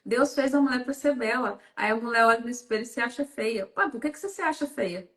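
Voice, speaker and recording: High-voiced animated woman in echoey room. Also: fast. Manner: animated storyteller, acts out dialogue. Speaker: psychoanalyst guest. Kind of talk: casual faith-based talk.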